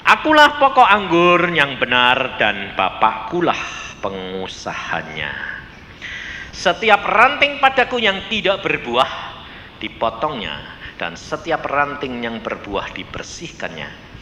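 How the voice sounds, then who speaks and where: A man with a Javanese accent preaching a sermon, telling stories and swinging between soft and loud. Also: mid-range voice, wildly swooping pitch, slow pace. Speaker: pastor. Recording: echoey hall with faint noise.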